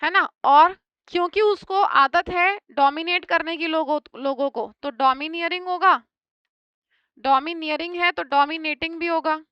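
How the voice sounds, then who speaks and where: A woman teaching English vocabulary for an exam, explaining words with everyday examples and rapid lists of synonyms. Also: extremely high pitch, dry recording, muffled recording. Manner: explains each word with everyday examples and quick checks. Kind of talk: exam-prep lesson.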